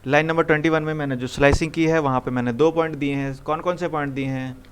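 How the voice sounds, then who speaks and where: A man's voice: fairly high pitch, steady tone, fast talker, clear, resonant tone. A young man teaching programming to a live classroom, coaxing students with repeated questions. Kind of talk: live classroom coding lesson.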